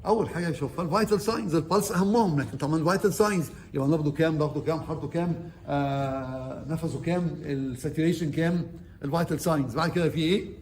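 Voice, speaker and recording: A surgeon with an Egyptian Arabic accent gives an orientation lecture to medical interns, quizzing the class and moving between Arabic and English medical terms. He talks rapid-fire in a slightly high, darkish voice. The sound is reverberant, with a little hiss or hum.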